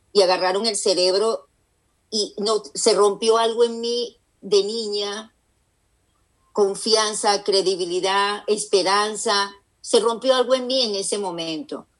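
A woman's voice: medium pitch, unhurried. Give me a woman guest on a faith radio show, earnest and emphatic, recounting a personal story. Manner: earnest, emphatic, acts out the voices of people she quotes.

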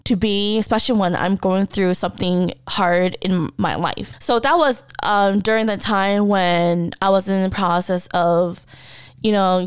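Recorded dry, a young podcast host from the Hmong community speaks at medium pitch with a clean tone. Sharing a personal story, she's candid and blunt, swearing a lot and sometimes near tears.

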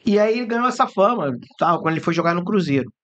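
A Brazilian man hosting a podcast, telling lively anecdotes in casual chat and mimicking the people in his stories. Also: high voice, very fast, dull audio. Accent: Brazilian Portuguese. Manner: animated, mimics voices in anecdotes, swears and laughs. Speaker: podcast host.

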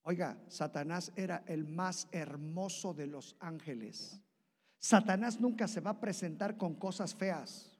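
A male pastor preaching a sermon, leaping into loud high bursts and then dropping to a hush. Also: a little slow. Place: church hall. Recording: long church reverb.

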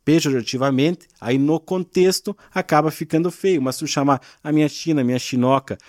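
Slightly high-pitched yet darkish in tone, this man speaks a little fast as a podcast guest, patiently explaining regional expressions in casual talk with frequent tag questions. He's from southern Brazil and makes gaúcho culture content. The recording is dry and clean, studio sound.

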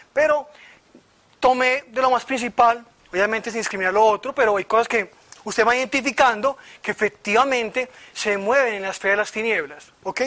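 A man giving an informal sermon in a meeting room, telling his own faith story and acting out voices. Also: extremely high pitch. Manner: animated storyteller who acts out voices. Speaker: church teacher leading a retreat session. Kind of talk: informal sermon with personal stories. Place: indoor meeting room with slides.

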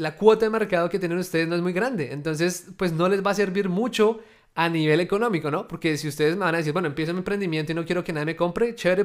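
Chatty man quizzing his viewers. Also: sits high. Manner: addresses viewers directly with rhetorical questions; conversational, loose, with many fillers. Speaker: entrepreneur sharing his experience. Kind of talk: casual talk to camera.

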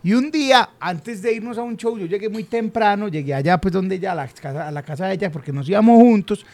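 A man's voice: high voice, fast, a little mellow. A young Colombian man from the Medellín area, co-hosting a podcast and telling a funny anecdote with slang and sound effects. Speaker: podcast co-host. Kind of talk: casual storytelling chat.

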